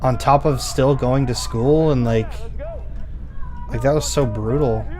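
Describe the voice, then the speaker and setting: A man's voice: medium pitch, measured pace, over music. A young man in casual chat, talking in a rambling, informal way with loose, sweary phrasing.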